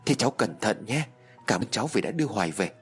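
A man voicing a worried, sharp-tongued middle-aged mother in a spooken horror story. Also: fairly low pitch, sing-song, quick pace, breathy edge, faint music behind, heavily acted. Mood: urging. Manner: sharp, scolding, then secretive. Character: anxious scolding middle-aged village mother.

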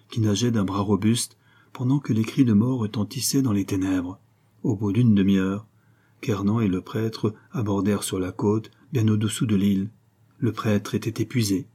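Man, audiobook narration, steady measured storytelling, mellow dark tone, slightly husky. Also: lowish voice. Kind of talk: audiobook narration of a historical novel.

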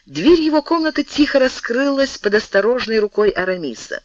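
A man reading an audiobook in an expressive, storytelling manner. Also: very high-pitched, moderate pace, dry recording, dull audio. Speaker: audiobook reader. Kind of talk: scripted audiobook narration.

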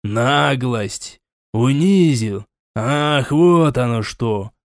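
A man's voice: mid-range voice, expressive, extremely slow, dry recording, clean studio sound. A man voicing a stern older prince who scolds, sighs and turns suspicious. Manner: scolding, sighing, sarcastic.

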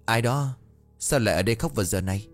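A man's voice: fairly low pitch, fast, faint music behind, close to an everyday voice. A man voicing a polite, tipsy, helpful young worker in an audio ghost story, hesitant and questioning. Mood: puzzled, helpful.

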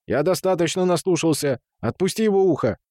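A man's voice: a little high, lively intonation, a little fast, mellow, no room sound, studio quality, close to an everyday voice. A man voicing a stern, commanding man who runs a brothel and speaks with firm patience. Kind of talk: audiobook character voice.

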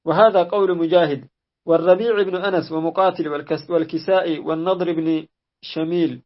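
A man reading a classical exegesis text aloud in a measured way, restarting after slips. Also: a little high, fairly even intonation. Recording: dull lo-fi audio.

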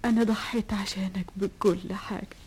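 A woman's voice: mid-range voice, steady tone, moderate pace, darkish tone, a little hiss or hum, natural voice. An actress with an Egyptian Arabic accent playing a lovesick princess earnestly confessing her deception. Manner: earnest, remorseful.

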